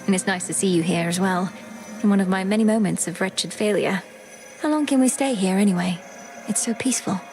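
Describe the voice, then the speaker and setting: A woman acts out a young princess of witches for a video game. She speaks formally and carefully, gentle with a determined core. Music plays under her earnest, measured voice. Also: medium pitch, close to an everyday voice, rough recording. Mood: tender, earnest. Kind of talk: dramatic video game voice acting. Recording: music behind the voice.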